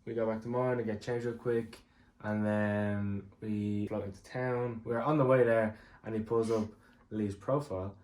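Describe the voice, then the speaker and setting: A man's voice: on the low side, fairly even intonation, normal speed, a little mellow. A 22-year-old Irish man in casual chat, dry and joking in a laid-back way. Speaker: boyfriend guest.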